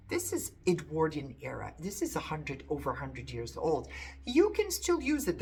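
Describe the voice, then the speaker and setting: A woman's voice: mid-range voice, a bit bright. A middle-aged woman chatting to camera about an antiques haul, repeating words for emphasis. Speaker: antiques reseller showing a haul. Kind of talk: casual chat to camera.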